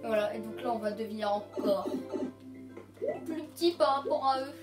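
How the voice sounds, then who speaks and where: Woman, let's-play commentary, excitable and jumpy, fairly high voice, roomy sound under loud game music. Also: normal speed. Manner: excitable, yelps when startled, repeats phrases to calm herself.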